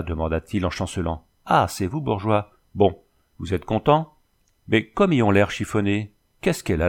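Man reading as a drunk, crude street ruffian; loud rambling bluster. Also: sits low, gravelly, full character voice. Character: drunken ragged male ruffian, crude and rowdy.

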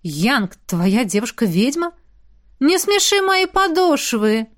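A woman reading aloud voices a blunt, teasing young woman fighter in a storybook, speaking loudly and mockingly. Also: high voice, sing-song, slow, pitched above the performer's own voice, full character voice.

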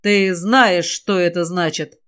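A woman reading as a wary male scout in a fantasy audiobook. He speaks slowly and with unease, reporting in a troubled voice. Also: lowish voice, steady tone, fairly bright tone, smooth. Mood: worried. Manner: slow, troubled, heavy sighs in words.

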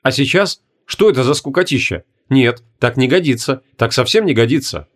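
A man reading a fantasy audiobook in measured, deliberate narration. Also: medium pitch, lively intonation. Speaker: audiobook reader. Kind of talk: scripted narration.

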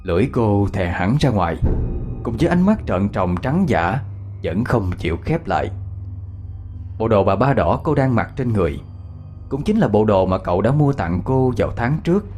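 A man's voice: fairly low pitch, normal speed. Man telling a ghost story. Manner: lively, expressive storytelling. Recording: faint background music.

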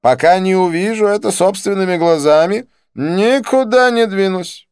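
A man doing a shrill, scornful excitable man. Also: normal speed, smooth, dry recording, clean studio sound. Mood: excited. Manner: theatrical, scornful. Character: mocking excitable middle-aged man. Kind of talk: audiobook reading.

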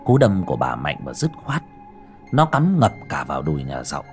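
A man narrating a ghost story in a dramatic, lively storytelling manner. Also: a bass voice, a little fast, faint music behind.

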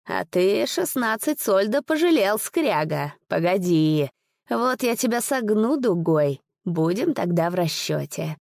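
A woman's voice: mid-range voice, sing-song, a little slow, vocal fry, darkish tone, no room sound, studio quality. Woman voicing a sneering old sorcerer. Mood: gloating. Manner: sneering, taunting. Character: old sly male sorcerer, mocking and greedy.

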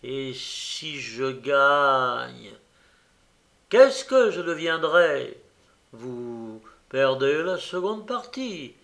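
A man's voice: mid-range voice, sing-song, drawn-out words, gravelly, exaggerated voice. A man voicing an old, tormented gambler who turns desperate and furious. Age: older. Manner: anguished, rising to shouted rage.

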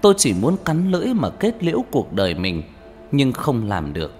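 A man narrating a horror story in an expressive, dramatic audiobook style, with reverb and background music. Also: medium pitch, moderate pace.

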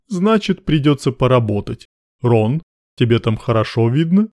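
A man's voice: medium pitch, big pitch swings, normal speed, darkish tone, no room sound, natural voice. A man voicing a cool, commanding male major with dry irony in an audiobook. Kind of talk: audiobook narration.

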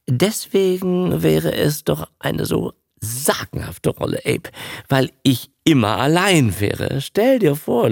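Raising his voice a little above his own natural pitch, a man performs a full character voice for a vain, naive young actress in an audiobook. Her talk is dreamy, breathy, and gushing. The sound is dry and clean, as from a studio.

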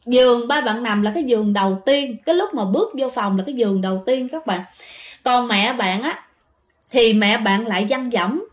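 A woman, telling a ghost story in a casual, chatty way and speaking straight to her listeners. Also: a little high. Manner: chatty, addresses listeners directly.

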